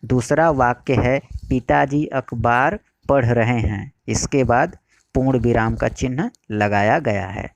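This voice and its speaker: A man teaching a Hindi exam-prep lesson, explaining slowly and repeating key phrases. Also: mid-range voice, vocal fry, a little mellow, no echo.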